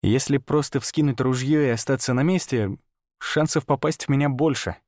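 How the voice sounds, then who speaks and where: A man narrating an adventure audiobook in the first person, with expressive storytelling. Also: medium pitch, moderate pace, dry recording, studio quality.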